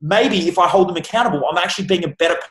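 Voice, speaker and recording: An Australian success coach appears as a guest on a casual podcast interview, blunt and emphatic and swearing freely. His voice sits high, a bit bright, and races along. He's in an echoey room with a bookshelf.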